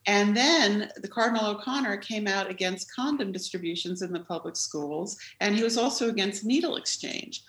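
Woman interviewee, expressive storyteller, recorded in an echoey room. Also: mid-range voice, moderate pace, few pauses. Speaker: interviewee, former activist. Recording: roomy echo.

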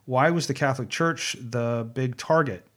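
A man interviewing a guest who teaches courses, talking conversationally with halting restarts. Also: medium pitch, fairly bright tone. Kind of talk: interview questions.

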